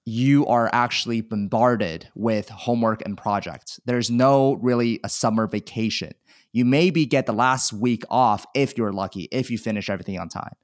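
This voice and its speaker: A Chinese man in his thirties, an e-commerce seller, appears as a guest on a casual podcast interview, candidly recounting his life story. His medium-pitched voice moves at normal speed, and he's chatty and self-deprecating, captured in clean, echo-free studio sound.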